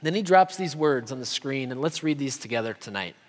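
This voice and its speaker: A man's voice: mid-range voice, lively intonation, a little fast. A man preaching a sermon in a conversational way, often checking in with "right?". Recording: long hall reverb.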